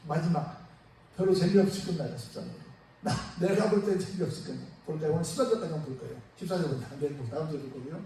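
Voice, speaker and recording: A man with a high voice preaches a Sunday sermon, chatty and animated, peppering the congregation with questions. The sound is heavily echoey, as if caught from across a big church hall. A faint hiss sits under it. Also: fast talker, recorded from a distance. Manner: lively, conversational preaching with rhetorical questions. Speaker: pastor. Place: church sanctuary.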